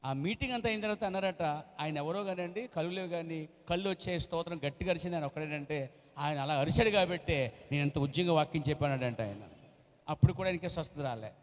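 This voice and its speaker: Pastor, male, high voice, sermon delivery with big dynamic swings, long hall echo. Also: fast. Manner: swings from low asides to shouted acted-out quotes. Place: church hall.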